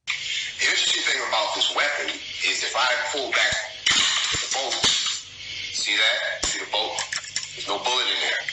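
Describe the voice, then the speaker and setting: A man's voice: on the low side, lively intonation, measured pace, long pauses, over loud music, low-quality recording. A man giving an informal weapons demonstration, instructing in an emphatic, repetitive way. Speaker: militia speaker demonstrating a weapon.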